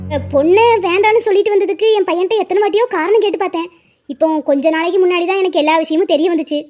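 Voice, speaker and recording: A woman's voice: very high voice, rapid-fire, soft background music. A woman voicing a well-off, kind middle-aged mother in a cartoon, speaking in an earnest, reassuring way. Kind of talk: cartoon voice acting. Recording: dull lo-fi audio.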